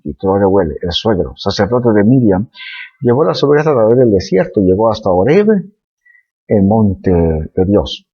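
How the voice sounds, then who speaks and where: A man's voice: lowish voice, big pitch swings, unhurried, husky, lo-fi sound. A man giving a Bible teaching talk, explaining words patiently with many fillers and tag questions.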